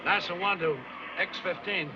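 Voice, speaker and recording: An actor playing a firm, commanding test director, issuing clipped orders from mission control. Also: male voice, sits high, steady tone, normal speed, background noise, natural voice. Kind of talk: clipped command radio talk. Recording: dull lo-fi film soundtrack.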